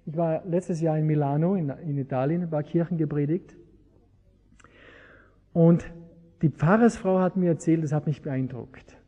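A man's voice: on the high side, normal speed, pauses often, dark tone. A man preaching a sermon, engaging his listeners with rhetorical questions. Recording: long hall reverb.

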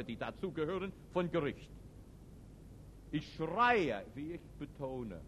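A man preaching a sermon to a live audience. He speaks emphatically, with non-native German grammar, and moves between loud outbursts and quiet reflection. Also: fairly high pitch, slight background noise. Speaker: preacher and teacher.

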